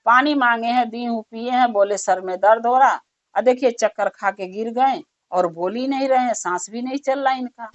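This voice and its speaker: A woman's voice: a little high, moderate pace, no echo, lightly acted. A woman voicing a dramatic, selfish merchant's wife who laments and pleads. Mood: lamenting. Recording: dull muffled recording.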